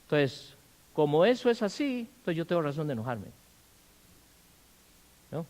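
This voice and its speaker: A man preaching a sermon in a church, firing questions at the congregation and acting out quarrels in loud bursts. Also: on the high side, sing-song, normal speed, rough recording. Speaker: pastor. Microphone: handheld or stand mic.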